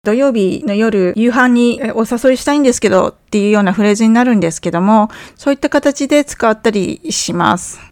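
A woman with a fairly high voice leads an English lesson, explaining phrases and running repeat-after-me drills. She sounds friendly and encouraging when she says the English lines. The recording is dry and close, with no room sound. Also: a little fast, hardly any pauses, a little mellow, no room sound. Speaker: English teacher.

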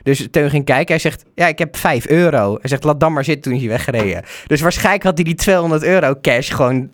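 A young man from the Netherlands telling a road-trip mishap in casual chat, animated, breaking into loud mock shouts. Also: a little high, quick pace. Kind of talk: casual storytelling.

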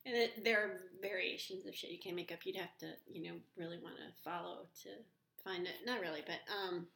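A woman's voice: on the low side, fairly even intonation, a little fast, vocal fry, pushed and bright. A woman podcast host chatting casually, laughing often and trailing off into restarts. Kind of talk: casual chat. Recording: echoey room, faint noise.

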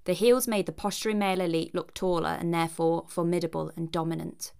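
A woman reads a scripted narration in a low voice. There is a noticeable creak in her tone. Her delivery is wry and cheeky, with conversational asides to the listener. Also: fairly even intonation, fast, darkish tone.

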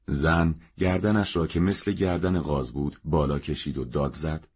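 A man reading a novel aloud as narrator, in a steady, measured way. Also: extremely low pitch, husky. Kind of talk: audiobook narration. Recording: dull lo-fi recording.

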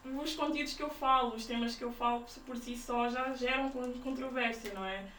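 Thinking aloud in fragmented phrases, this young Portuguese woman from around Sintra chats casually as a podcast guest, her Lisbon-area accent clear. She talks at a moderate pace in a steady, slightly bright, higher-pitched voice. The interview was captured on a distant mic in a roomy space with faint background noise.

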